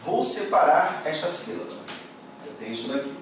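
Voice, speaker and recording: A Brazilian man lecturing on grammar, with his somewhat high voice ringing around a bare room. He sits a little away from the mic, and a faint hum of room noise runs under him. He keeps checking in with his students as he goes. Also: sing-song, moderate pace. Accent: Brazilian Portuguese. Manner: patient, checks in with "beleza?" and "tá?". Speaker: Portuguese exam-prep teacher. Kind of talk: classroom lecture explaining grammar. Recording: echoey room, voice from a distance.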